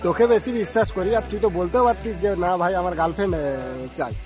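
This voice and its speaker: A man hosts in a casual, chatty way and presses with questions. His voice is high and he talks very quickly. Music runs underneath. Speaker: host making prank calls to friends. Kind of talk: casual chat.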